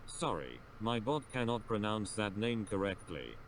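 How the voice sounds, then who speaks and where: A smooth, monotone robotic text-to-speech voice of a man narrating a guide video with a flat, android-like delivery. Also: on the low side, normal speed. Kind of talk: scripted narration.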